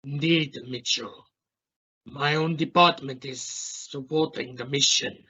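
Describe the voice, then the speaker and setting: In a scripted radio play interview, a man voices a brusque, dull-sounding Russian space scientist who is also mission captain, in a full character voice. He sounds formal and courteous, with measured, slightly halting phrasing, and his voice is medium-pitched, steady, pushed, bright, and slightly rough. The recording is dull and lo-fi.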